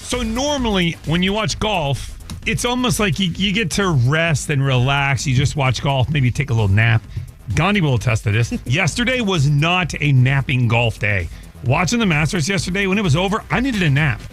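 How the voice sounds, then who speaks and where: A man's voice: a little high, expressive, normal speed, fairly bright tone, soft background music. A man co-hosting a morning radio show in a studio, telling stories in an earnest way. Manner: storytelling, earnest. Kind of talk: casual morning radio chat.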